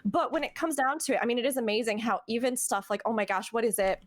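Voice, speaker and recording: A woman streamer hosting a podcast, chatty and animated, full of fillers and asides. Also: on the high side, quick pace. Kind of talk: casual podcast discussion.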